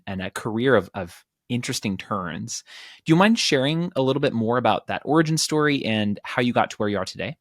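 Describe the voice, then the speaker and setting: A man's voice: mid-range voice, no echo, clean studio sound. A man with a Minnesotan accent hosting a podcast interview, chatty and friendly, with fillers and repeated words. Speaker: podcast host. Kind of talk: conversational interview.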